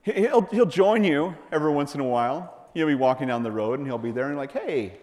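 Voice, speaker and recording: A man preaching a sermon, lively and playful, acting out the voices of the people in the story. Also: on the high side, fast talker. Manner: animated, playful, acts out voices of Bible figures. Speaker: pastor. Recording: long hall reverb.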